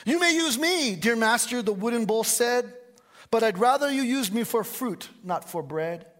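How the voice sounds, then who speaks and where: A man's voice: very high-pitched, animated, moderate pace, a bit bright, voice pushed up. A man voicing a picky wooden bowl in a poem he reads aloud. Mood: fussy. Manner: picky, conditional. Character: fussy carved wooden bowl.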